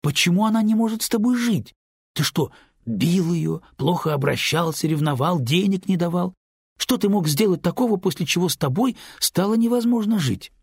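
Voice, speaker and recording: A man's voice: animated, moderate pace, gravelly, darkish tone, husky, no room sound, clean studio sound, exaggerated voice. A man reading an audiobook, voicing a woman who is an old, caring friend, in a raised, anxious and questioning voice. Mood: alarmed. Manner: rises in pitch, exclaims and questions.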